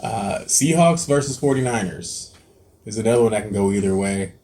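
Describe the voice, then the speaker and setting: A fairly low, mellow male voice with lively intonation moves at a moderate pace. He hosts a cooking channel and eats while casually going over football picks, rambling with lots of ums, restarts and self-corrections.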